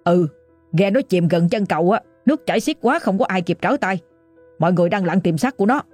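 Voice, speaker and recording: A woman's voice: fairly low pitch, expressive, a little fast, a little mellow, faint music behind. A woman voicing a panicked middle-aged male neighbor, frantic and breathless.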